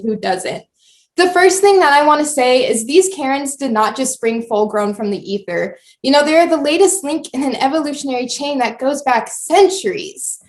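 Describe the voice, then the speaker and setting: A woman voicing a chatty young woman video blogger ranting breezily and sarcastically to her viewers. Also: high-pitched. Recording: roomy, distant mic.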